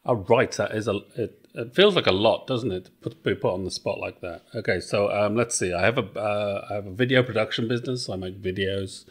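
A man's voice: lowish voice, a little fast, hardly any pauses. A middle-aged man from Wales with a Welsh accent, a podcast guest chatting casually and thinking aloud with many fillers and restarts. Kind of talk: casual interview chat.

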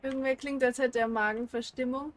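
A woman's voice: high-pitched, fairly even intonation, fairly quick, loud music behind the voice. A young woman streaming a horror game with friends, talking in frightened, panicky outbursts. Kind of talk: casual gaming chat.

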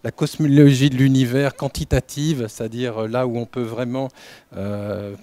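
Man, lab director, welcome talk, hesitant, full of fillers, warm tone, dry sound. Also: medium pitch, fairly even intonation, no room sound. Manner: halting, many fillers and restarts. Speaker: lab director opening a training session.

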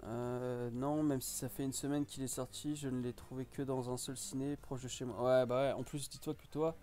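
A man's voice: medium pitch, flat delivery, moderate pace, warm tone, faint music behind. A man hosting a casual live stream, chatting and reacting to viewers' comments.

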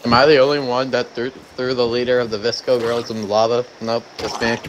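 A man's voice: medium pitch, level tone, brisk, a little hiss or hum, poor audio. A young man chatting while gaming, rambling and goofy. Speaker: gamer. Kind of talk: casual gaming chat.

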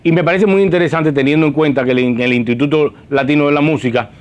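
A man's voice: a little high, fairly even intonation, fast. A middle-aged man hosting a studio talk show, chatty and given to repeating and restarting his phrases. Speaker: host. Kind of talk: news talk show interview. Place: large TV newsroom studio.

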